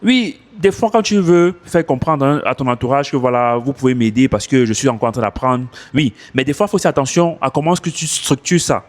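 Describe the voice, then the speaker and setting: A man's voice: medium pitch, fairly quick, few pauses. Man giving casual advice into a phone. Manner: animated, repeats himself for emphasis. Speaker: English coach.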